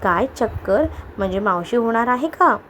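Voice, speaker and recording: A woman voicing an excitable young female office friend in a read-aloud audio story, eager and chatty. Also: fairly high pitch, moderate pace, a little hiss or hum.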